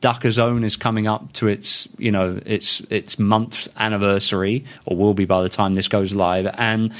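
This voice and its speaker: Chatty podcast host in a home office. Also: male voice, on the low side, moderate pace. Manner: animated, chatty, many restarts. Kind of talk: casual interview chat. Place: home office full of books.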